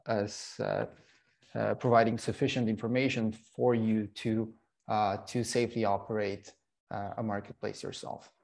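A middle-aged man from Slovenia presents his company to an online workshop, his voice carrying a gravelly edge. He talks haltingly, filling gaps with fillers and restarting phrases. The sound comes through a video call from a home office. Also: fairly low pitch, a little mellow. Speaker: startup CEO presenting.

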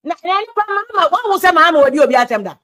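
A Ghanaian woman giving political commentary on a talk show, animated, mixing English with Twi. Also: extremely high pitch, rapid-fire, low-quality recording.

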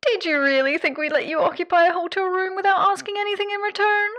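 A woman playing Alastor as a sadistic, theatrical female radio demon in an ASMR roleplay, mocking the listener in a showy, drawn-out way. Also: extremely high pitch, level tone, a bit bright, no room sound. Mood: gleefully mocking. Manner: mocking, showy, drawn-out delivery with whispered asides and pet names.

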